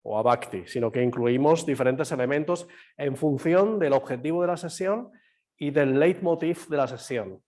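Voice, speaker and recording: Guy teaching yoga over a video call, a bit hoarse, explains slow and asks the class stuff. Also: on the high side, a little mellow. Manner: explains patiently, quizzes students, many fillers. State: slightly hoarse. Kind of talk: online class lecture. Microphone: computer mic on a video call.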